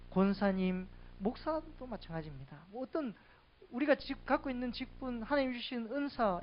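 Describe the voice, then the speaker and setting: A woman's voice: mid-range voice, muffled recording. A woman preaching a sermon in a conversational way, asking the congregation questions.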